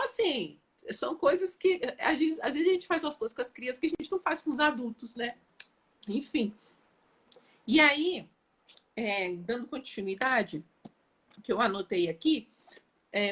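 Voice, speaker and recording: A woman educator talking casually on a live stream, lively, often repeating words and checking whether listeners follow. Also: a little high, slightly rough. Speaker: educator and guest on an Instagram live.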